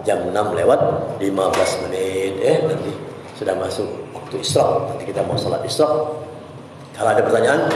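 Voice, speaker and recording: A man's voice: low voice, a little mellow, a little hiss or hum. A middle-aged man giving a religious lecture, telling stories animatedly and acting out the scolding voices. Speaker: preacher. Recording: very echoey hall with faint ambience.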